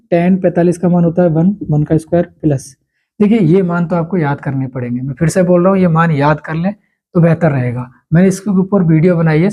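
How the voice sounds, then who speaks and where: A man's voice: sits high, mellow, low-quality recording. A man teaching a school maths lesson step by step, patiently repeating the key steps.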